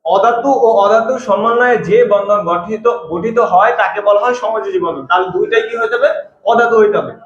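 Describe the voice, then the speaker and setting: Guy teaching chemistry at a board, high voice, keeps asking the class if it's clear, roomy muffled sound. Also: brisk. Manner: repeats key points, asks class questions. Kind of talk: classroom lecture. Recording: echoey room, dull lo-fi sound.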